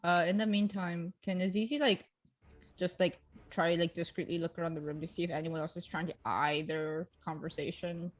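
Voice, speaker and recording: Low-pitched woman playing a tabletop game. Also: fairly even intonation, normal speed. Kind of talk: casual game chat.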